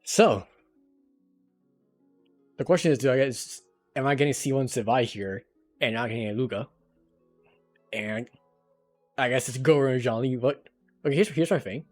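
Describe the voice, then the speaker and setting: A male streamer chats through a headset mic, rambling along in a casual, mid-pitched voice. He swears offhandedly between thoughts. Faint game music plays underneath. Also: normal speed, long pauses, a little mellow. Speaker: livestreamer. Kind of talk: casual gameplay commentary. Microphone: livestream headset mic.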